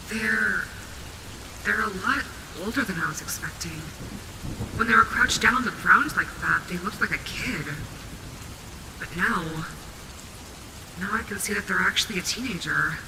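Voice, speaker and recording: Against clearly audible rain, a woman voices a female robot wolf in an audio roleplay. She is sassy and a little vain, with a protective, motherly streak. Her pitch sits in an ordinary female range and she talks casually, as if straight to the listener. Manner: sassy, casual, swearing, muttering asides to herself. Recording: heavy rain and thunder noise behind. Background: rainstorm sound effects.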